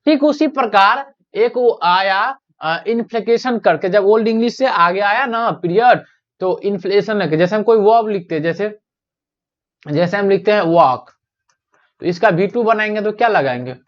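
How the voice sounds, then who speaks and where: Bihari man teaching, questions and answers himself. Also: high voice. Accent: Bihari Hindi. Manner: explains step by step, asks questions and answers them himself; drawls English question text slowly. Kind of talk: exam-prep lesson. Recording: dull lo-fi sound.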